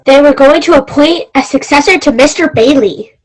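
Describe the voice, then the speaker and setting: A woman's voice: sits high, moderate pace, faint music behind, poor audio. A woman giving scripted narration for an old-time style radio play.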